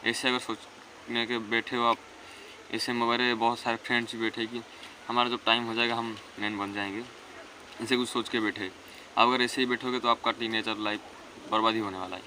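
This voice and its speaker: This teenage boy speaks at a mid-range pitch with little pitch movement, a moderate pace, and a bright, forceful tone, while a bit of hiss or hum sits under the recording. His casual talk offers earnest self-improvement advice, rambling and repeating itself.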